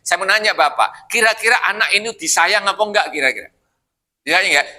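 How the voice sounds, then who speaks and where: Bright-voiced joking male preacher. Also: sits high, animated, a little fast. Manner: jokey, asks the congregation questions. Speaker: mosque preacher. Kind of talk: casual evening Quran study sermon. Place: mosque.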